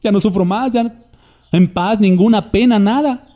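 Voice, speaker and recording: A man's voice: high-pitched, unhurried, warm tone, pitched above the performer's own voice. A preacher acting out a contented dead man who pleads to stay at peace, sighing. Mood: blissful. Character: contented dead man, blissful and reluctant to return.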